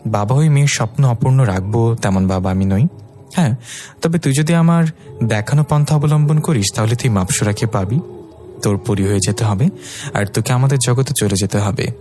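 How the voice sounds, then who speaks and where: A man voicing a proud, stern fairy king who is a father, speaking in a commanding, gruff way. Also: medium pitch, a little fast, dark tone, faint music behind, natural voice.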